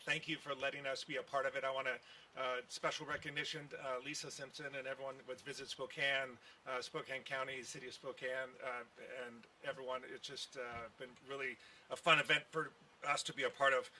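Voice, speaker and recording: At an outdoor park event, a man who is a baseball team executive speaks into a podium microphone on a stand for a press conference. His medium-pitched voice is brisk, pushed and bright with little pitch movement, and he tells folksy stories packed with fillers over slight background noise.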